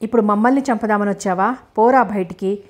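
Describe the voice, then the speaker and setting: A woman's voice: mid-range voice, fairly quick, natural voice. A woman voicing an angry, grieving elderly orthodox father who scolds and curses, in a storybook reading. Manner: scolding, cursing.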